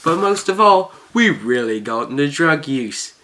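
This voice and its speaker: Storytime video host, bright and punchy voice, tall-tale delivery with stretched-out emphasis, talking straight to subscribers. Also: mid-range voice, big pitch swings, unhurried, a little hiss or hum. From Melbourne, Australia. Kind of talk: vlog storytime, addressed to viewers.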